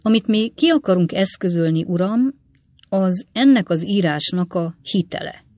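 A woman voicing a blunt elderly male coachman who talks sharply and loudly. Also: mid-range voice, expressive, no echo, close to an everyday voice.

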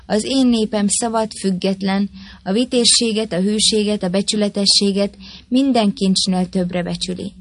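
A solemn, calm chieftain read by a woman. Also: medium pitch, no room sound, lightly acted. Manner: measured and solemn. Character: stern, calm male chieftain of a tribe. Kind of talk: audiobook reading of a historical tale.

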